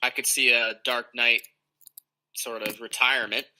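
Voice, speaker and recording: Male podcast guest, very bright sharp tone, easygoing and agreeable, casual chat. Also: mid-range voice, flat delivery, a little slow, low-quality recording.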